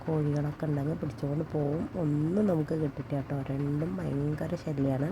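A woman's voice: deep voice, little pitch movement, fairly quick. A woman outdoors in a village, explaining things in a chatty, matter-of-fact way. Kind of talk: casual explanation to camera. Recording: outdoor recording with clear background noise.

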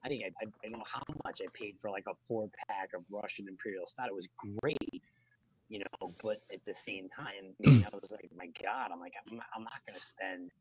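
A man's voice: fairly low pitch, fairly quick, darkish tone, slight background noise, rough recording. A man co-hosting a casual beer show, rambling with lots of fillers and restarts. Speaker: podcast co-host. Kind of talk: casual chat.

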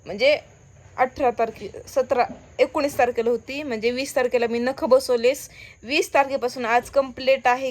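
A woman vlogger chatting casually, laughing and playfully complaining to the camera and a friend. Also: a little high. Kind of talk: casual vlog chat.

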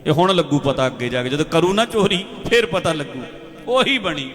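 A male preacher giving an animated sermon that tells a story, repeating points for emphasis. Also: on the high side, normal speed. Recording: echoey hall with faint music.

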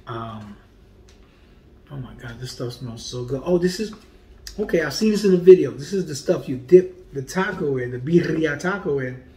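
A food vlogger and comedian of Puerto Rican heritage reviews food in his home dining room, which echoes. He's animated and playful, with a highish voice at normal speed, dropping to quiet murmurs as he tastes.

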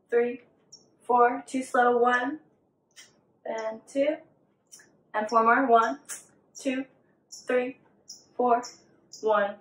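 Woman dance teacher, higher voice, slow counts, echo. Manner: counting beats slowly. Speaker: dance instructor. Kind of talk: dance tutorial.

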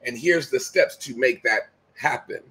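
A sharp-toned, medium-pitched man talks in an unhurried way as a guest on a video call from his home. Middle-aged, he delivers motivational talk with a preachy emphasis, hammering the same key phrases repeatedly.

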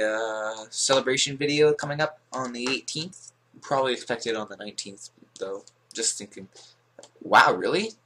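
A man casually commentating his own gameplay for viewers, joking at his own expense, swearing, whispering when tense and jumping into a squeaky high voice to taunt other players. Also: sharp tone, slight background noise. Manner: jokey, self-mocking, swears, talks to viewers. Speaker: gaming video host.

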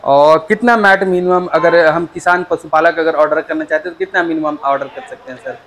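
A man's voice: a little high, a little fast, a bit bright. A man interviewing a dealer, deferential, calling him "sir" and putting questions for farmers. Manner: deferential, frequent "ji" acknowledgments, says "sir" often.

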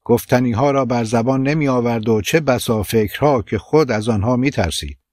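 A man narrating an audiobook of a literary novel in a measured, steady reading. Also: medium pitch, no echo, clean studio sound.

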